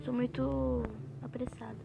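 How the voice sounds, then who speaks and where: A woman with a Brazilian accent, hoarse and stuffy-nosed, thinking aloud as she guesses through a quiz game, with mild swearing. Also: on the high side, flat delivery, a little slow. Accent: Brazilian Portuguese. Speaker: gaming channel host. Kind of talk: casual gameplay commentary.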